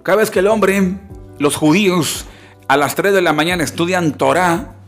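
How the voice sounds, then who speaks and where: A man's voice: high voice, normal speed, fairly bright tone, faint music behind. Man lecturing with rhetorical questions. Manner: explanatory, asks frequent rhetorical questions. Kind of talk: religious lecture.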